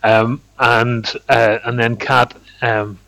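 Northern Irish man telling stories, halting and dry-sounding. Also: medium pitch, fairly even intonation, fairly bright tone, no room sound, poor audio. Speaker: podcast host. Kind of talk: casual chat, anecdote telling.

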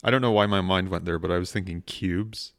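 A man co-hosting a comedy podcast, talking in a dry, mock-formal, deadpan way. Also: low voice, brisk, no echo. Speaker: podcast co-host. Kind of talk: casual comedic chat.

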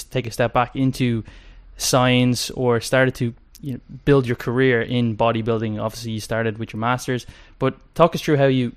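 Male podcast host, mid-pitch voice, easygoing, asks questions with a light teasing touch. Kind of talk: casual interview chat.

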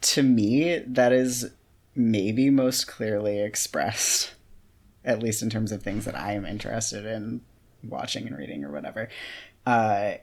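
A podcast co-host with a medium-pitched, slightly slow voice talks through a book in a casual discussion. She comes across as earnest and opinionated, leaning heavily on "like."

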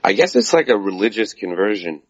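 A man being interviewed as a guest in casual chat, making dry jokes and pausing on fillers. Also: lowish voice, very animated, muffled recording. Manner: dry, joking, halting with fillers. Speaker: guest actor.

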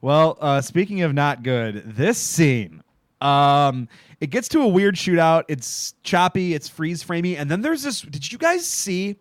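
A man's voice: fairly high pitch, sing-song, measured pace, no room sound, clean studio sound. A man hosting a podcast in casual chat, rambling, swearing freely and laughing often. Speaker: podcast host recapping a TV show.

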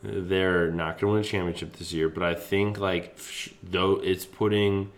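A young man with a very low, deep voice co-hosts a casual sports talk show. He talks in a lively, rambling way and swears freely. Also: normal speed. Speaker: podcast co-host.

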